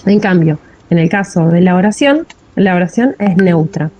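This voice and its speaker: A woman's voice: fairly low pitch, animated, moderate pace, dark tone, a little hiss or hum, rough recording. A woman with a Rioplatense Spanish accent giving a classroom lecture on linguistics, often checking in with a rising "¿sí?". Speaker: teacher.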